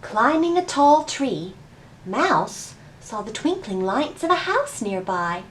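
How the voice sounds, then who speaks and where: A woman with a voice on the high side speaks slowly, her pitch swinging widely. She hosts a children's storytime at the library in a sing-song, questioning way, giving instructions and reading picture books, with a distant mic, roomy sound and faint background noise.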